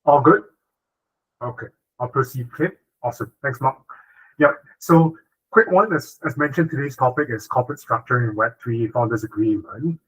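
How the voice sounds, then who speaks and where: A man's voice: medium pitch, normal speed, fairly bright tone, husky, rough recording. A man from Singapore, a corporate lawyer giving a webinar talk over a video call, fluent and tagging points with "right?". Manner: fluent, frequent "uh" and "right?" tags. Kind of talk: online webinar presentation.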